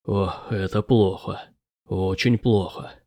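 A man's voice: lowish voice, fairly even intonation, slow, creaky, darkish tone, no echo, pitched below the performer's own voice. A man voicing an elderly, timid male professor in an audiobook, murmuring and hesitant. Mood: worried. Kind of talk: audiobook character voice.

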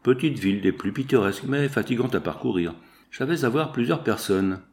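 A man reading aloud, voicing a cunning blackmailer who speaks calmly and mockingly. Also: medium pitch, fairly quick, lightly acted. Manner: calm, quietly mocking. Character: cunning, mocking male blackmailer, calm and smooth.

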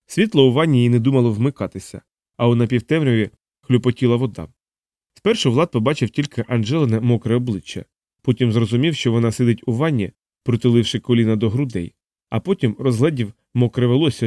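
A man narrating an audiobook in an even, measured storytelling voice. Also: mid-range voice, no room sound, studio quality.

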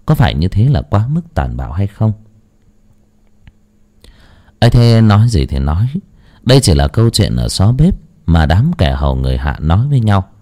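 A man narrating a horror story in a dramatic, drawn-out way. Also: low-pitched, very animated, warm tone.

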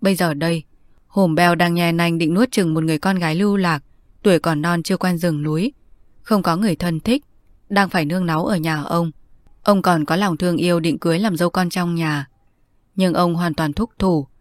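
A woman narrating a novel in a steady, measured storytelling manner. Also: fairly low pitch, no echo. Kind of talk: audiobook narration.

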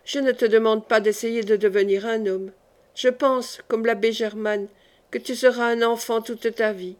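Woman voicing a soft tired dying guy, affectionate, gentle, kinda high, audiobook. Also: fairly even intonation, normal speed, natural voice. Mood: tender. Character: dying young man, gentle and tender.

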